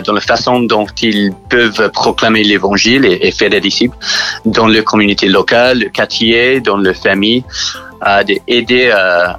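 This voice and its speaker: A man from New Zealand speaking French as a second language with a strong English accent, halting and often repeating words as he answers interview questions. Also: on the low side, sharp tone. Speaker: interview guest from a church sports outreach group.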